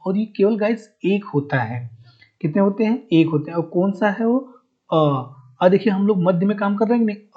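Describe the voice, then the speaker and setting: A male teacher giving a recorded grammar lesson. He asks his students a question, answers it himself, and repeats each definition slowly so they can take notes. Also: a little high, husky. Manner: mixes in English words, addresses viewers as guys. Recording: muffled, dull recording.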